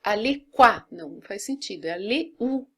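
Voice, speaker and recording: A woman's voice: mid-range voice, expressive, moderate pace, breathy edge. A Brazilian woman teaching French grammar, explaining patiently step by step and often checking in with "né?". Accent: Brazilian Portuguese.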